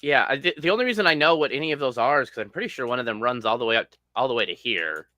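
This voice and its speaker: A man's voice: mid-range voice, lively intonation, rapid-fire, sharp tone, no echo. A man co-hosting a casual podcast chat, laid-back and wry, often trailing off.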